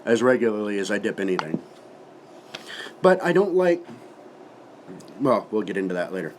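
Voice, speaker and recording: A man's voice: on the low side, animated, moderate pace, a little hiss or hum. A man giving a casual, folksy product review to camera, talking with his lip packed full of dip and swearing now and then.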